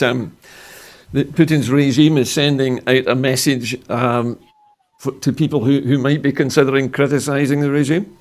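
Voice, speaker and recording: A man with a Scottish accent presenting the news, reading a statement and putting questions to guests, correcting small slips as he goes. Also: mid-range voice. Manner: reads bulletin text with small slips and corrections.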